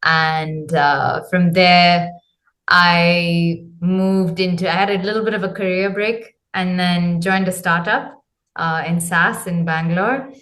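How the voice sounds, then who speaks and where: A woman's voice: lowish voice, fairly even intonation, slow pace, a bit bright. A woman in her thirties, a coach from Zambia, answering interview questions casually with many ums and uhs. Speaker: guest, men's clarity coach.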